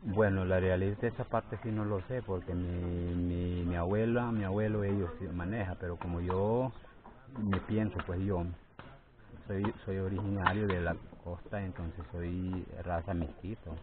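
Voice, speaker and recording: A man in his forties with a low voice speaks haltingly outdoors, repeating words and pressing his points with force. A phone held close to his face picks him up. The sound is thin and tinny, like a phone line. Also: fairly even intonation, crowd noise. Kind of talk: outdoor field interview. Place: outdoors by a forest clearing. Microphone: phone held near the face.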